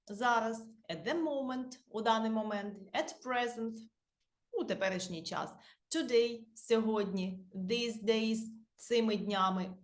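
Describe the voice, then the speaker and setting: A woman's voice: a little high, reverberant. A woman with a Ukrainian accent, an English teacher who explains grammar to beginners patiently, spelling out word endings letter by letter.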